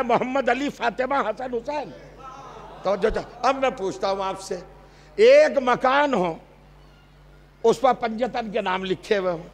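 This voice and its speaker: A middle-aged man preaching a passionate religious sermon, firing rhetorical questions at a seated audience, swinging from quiet asides to shouted climaxes. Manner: drops to low, intimate asides between outbursts. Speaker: Shia cleric preaching a majlis.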